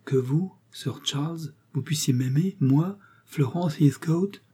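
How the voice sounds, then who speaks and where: A man voicing a naive, innocent young woman in a read-aloud novel, with gentle, simple replies. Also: mid-range voice, sing-song, normal speed, husky, voice pushed up. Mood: tearful disbelief.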